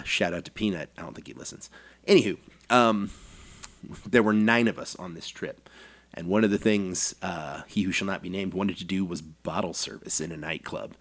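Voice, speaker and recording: A man in his forties with a fairly low voice, co-hosting a podcast. He tells an anecdote in casual chat, lively and quick to laugh. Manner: animated anecdote telling with acted quotes and laughs. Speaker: podcast co-host.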